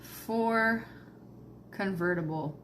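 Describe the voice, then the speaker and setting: Slow-paced woman livestreamer muttering casually. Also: mid-range voice, fairly bright tone. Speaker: live streamer. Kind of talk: casual livestream chat, reacting to videos. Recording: faint background room noise.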